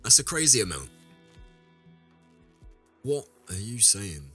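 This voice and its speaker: Low-voiced man, sick, rambling. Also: big pitch swings, slow pace, sharp tone, faint music behind. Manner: rambling, self-correcting, talks to viewers. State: ill, deeper voice than usual. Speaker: let's play host. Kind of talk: casual gameplay commentary.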